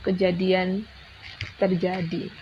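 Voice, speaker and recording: A woman's voice: lowish voice, flat delivery, slow pace, background noise. A young Indonesian woman telling a personal horror story in a casual, chatty way, often restarting and repeating words. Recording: dull lo-fi sound with music behind.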